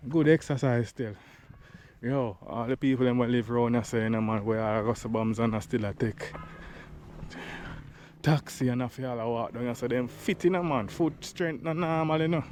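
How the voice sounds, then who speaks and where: A man's voice: mid-range voice, steady tone, moderate pace, a little mellow, slight background noise. A Jamaican man vlogging outdoors in casual patois as he walks up a rural hill, out of breath. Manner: chatty patois, talking to camera while walking uphill. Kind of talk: casual walking vlog.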